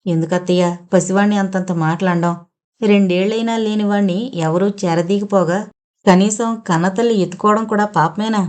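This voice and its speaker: A woman voicing a meek young daughter-in-law who speaks softly and pleads. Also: medium pitch, fairly even intonation, moderate pace, close to an everyday voice. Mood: pleading. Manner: soft, pleading.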